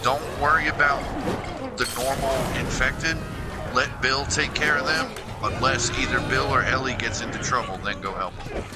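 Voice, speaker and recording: A man chatting on a game stream, calmly explaining tips to his friend. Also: mid-range voice, normal speed, over loud music. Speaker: co-host. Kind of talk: casual chat giving game tips.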